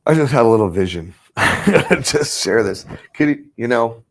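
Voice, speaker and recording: A man's voice: medium pitch, expressive, normal speed. A man teaching about ministry in casual chat, rambling with restarts and frequent chuckles.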